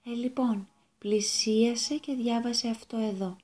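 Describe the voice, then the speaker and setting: Woman doing a calm, serious holy child teacher. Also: on the high side, close to an everyday voice. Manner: soft, slow and calmly authoritative.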